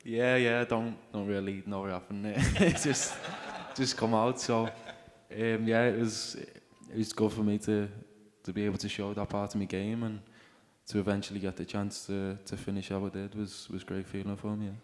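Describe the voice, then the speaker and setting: Young man, low flat modest voice. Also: normal speed, in a large hall. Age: young adult. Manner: modest, hesitant, ends answers with yeah. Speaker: footballer interviewee. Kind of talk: casual interview.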